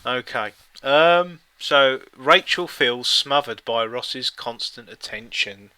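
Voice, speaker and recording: A man's voice: medium pitch, takes it slowly, sharp tone. A man co-hosting a casual live stream, joking and reading out listings. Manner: jokey, reads listings aloud in bits. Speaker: streamer co-host.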